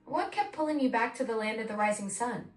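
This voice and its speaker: A synthetic female voice plays an AI assistant co-host in casual conversational chat, eager and full of praise. Her pitch is a little high, her delivery expressive and fairly quick. The mic is distant, so she sounds roomy and off-mic.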